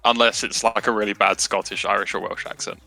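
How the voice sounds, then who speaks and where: A man's voice: fairly low pitch, fairly even intonation, fast talker, gravelly, sharp tone, faint music behind. A British man casting a live esports match, chatty and self-mocking. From Britain. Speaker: esports caster.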